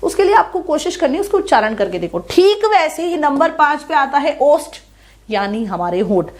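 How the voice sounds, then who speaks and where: A woman's voice: a little high, a little mellow. A woman teaching an online grammar lesson, patiently explaining and often asking the students whether they have understood. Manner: explains patiently, checks understanding with repeated questions; recites sounds slowly one by one. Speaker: online tutor.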